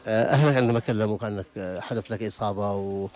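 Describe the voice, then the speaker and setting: Fast-talking Yemeni radio host, low voice. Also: male voice, steady tone, a little mellow. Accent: Yemeni Arabic. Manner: formal welcomes, then patient repeated questions. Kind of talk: radio interview. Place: outdoor market.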